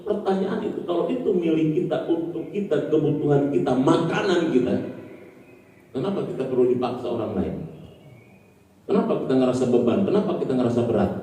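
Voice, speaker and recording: Guy preaching in a mosque, chatty, asks the crowd stuff, super dark voice, echoey. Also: fairly high pitch, lively intonation, brisk. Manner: conversational, asks the audience questions. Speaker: Islamic preacher. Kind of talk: sermon after dawn prayer. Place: mosque hall. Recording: echoey hall, distant mic.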